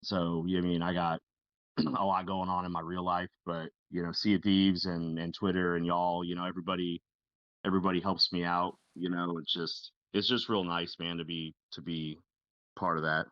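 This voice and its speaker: A man's voice: low-pitched, level tone, moderate pace, no echo, muffled recording. A man in his thirties talking casually as a podcast guest, rambling with many fillers. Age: 30s. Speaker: guest streamer.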